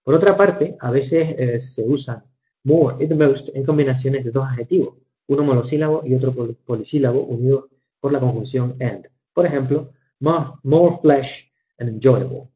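A man teaching English grammar in a recorded lecture, measured and methodical, slowing down to read examples and correcting himself with fillers. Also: medium pitch. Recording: dull lo-fi recording.

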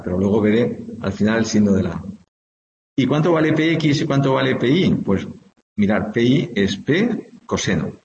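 A man's voice: on the low side, darkish tone. A man teaches physics, working through problems step by step and checking with the class as he goes. His voice carries a long echo, as if picked up in a big hall. The sound is dull and lo-fi, with a faint hiss behind it. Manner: explains step by step, thinks aloud, often checks with "¿de acuerdo?". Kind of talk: informal classroom lecture.

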